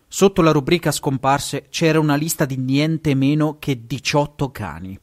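A man's voice: a little high, moderate pace. A man with an Italian accent, reading a story aloud on his show, now and then stumbling and correcting himself. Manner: lively, stumbles and corrects himself, chuckles at asides. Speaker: podcast host and story reader.

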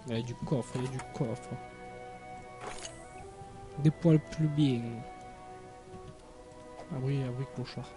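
A man giving casual, halting video game commentary, thinking aloud as he plays. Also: mid-range voice, steady tone. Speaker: gamer, let's play host. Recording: game music behind voice. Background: video game music.

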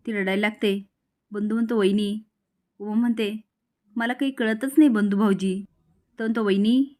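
Woman recounting a serial episode. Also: medium pitch. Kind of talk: reading out a serial recap, quoting each character.

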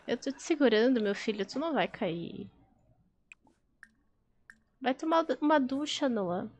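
A woman's voice: sits high, expressive, unhurried, a little mellow. A woman streaming a life-sim game, chatting casually, reading out chat and laughing often.

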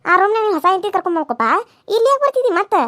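A woman's voice: extremely high pitch, animated, fairly bright tone, dry recording, clean studio sound. A woman doing a scolding village wife with a North Karnataka accent. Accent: North Karnataka Kannada. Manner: scolding, sarcastic, rapid-fire. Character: sharp-tongued village wife, scolding her drunk husband. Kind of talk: cartoon serial voice acting.

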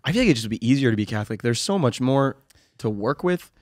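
Young man, podcast guest, rapid-fire and slangy, dry close studio mic. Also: mid-range voice, no room sound. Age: young adult. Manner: animated storyteller, slangy, quick with many fillers. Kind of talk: casual conversation. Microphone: studio boom mic with headphones.

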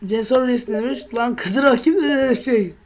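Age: adult. Sex: woman. Pitch: fairly high. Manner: laughing, slangy, teasing gaming commentary. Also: unhurried, a little mellow, slight background noise. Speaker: gaming video host.

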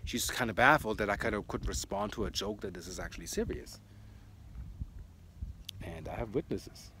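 A man with a lowish voice tells a spiritual story in a relaxed monologue. He is soft-spoken and often drops into hushed asides. A faint noise sits under the voice. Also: moderate pace. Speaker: spiritual channel host.

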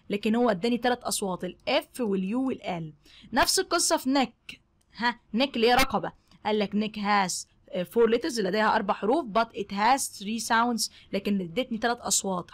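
A young woman with an Egyptian Arabic accent gives an English lesson to children. Her voice sits a little high, and she moves between slow, careful repeats of words and quick explanations. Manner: repeats each word slowly twice, then explains quickly. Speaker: English teacher. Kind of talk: classroom explanation.

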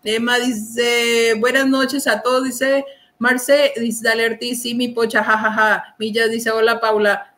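A woman's voice: fairly high pitch, little pitch movement, unhurried, a bit bright. Giggly woman greeting viewers live. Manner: giggly, keeps breaking into laughter. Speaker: livestream host.

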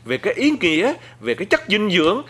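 A man's voice: sits high, huge pitch swings, fast talker, a bit bright. A man hosting a talk show who introduces his guest and chimes in with brief agreeing interjections. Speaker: host.

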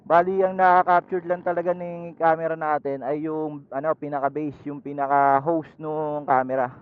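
A man with a fairly high, clear, resonant voice and little pitch movement speaks at a moderate pace while riding his motorcycle outside. He vlogs a casual how-to over a helmet intercom, chatting loosely with fillers and rambling, and the audio sounds dull and lo-fi.

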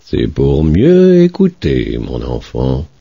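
A man voicing a sly, hungry male wolf in a storybook reading, with a slow, low, menacing murmur. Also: huge pitch swings, creaky, dark tone, slightly rough, no echo, highs cut off, exaggerated voice.

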